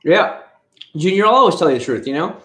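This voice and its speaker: A man's voice: a little high, big pitch swings, fast, a bit bright. A man from Florida chatting casually on a livestream, rambling and retelling his conversations. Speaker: livestream host. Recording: echoey room.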